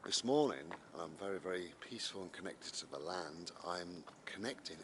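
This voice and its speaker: A man's voice: sits low, animated. Musing man, noisy outdoor recording. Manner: unhurried, musing, repeating phrases. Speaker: vlogger guiding mindfulness and breathing. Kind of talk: casual spoken meditation while walking outdoors. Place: outdoors, walking in the countryside.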